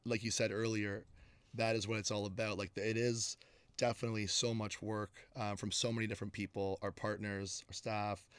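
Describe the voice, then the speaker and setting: A man's voice: fairly low pitch, normal speed, smooth, dry recording. A man in his thirties from Canada, a guest talking casually and enthusiastically with lots of fillers. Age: 30s. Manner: relaxed, filler-heavy, enthusiastic. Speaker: guest, agency co-founder. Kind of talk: casual interview talk. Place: radio studio. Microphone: studio mic.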